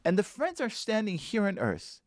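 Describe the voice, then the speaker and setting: A man, an author and guest, telling a story with animated, swooping emphasis. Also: high voice, moderate pace, no room sound, clean studio sound.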